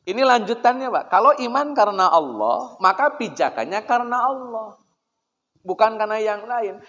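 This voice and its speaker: A man lectures on faith in a casual, talkative way, pausing to put questions to his listeners and answering them himself. His voice sits a little high for a man. The recording is dull and lo-fi, with a long echo from the hall around him. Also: fairly bright tone. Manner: chatty, poses rhetorical questions, keeps addressing listeners as sir. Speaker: Islamic preacher. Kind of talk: conversational religious lecture. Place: prayer room. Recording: echoey hall, dull lo-fi sound.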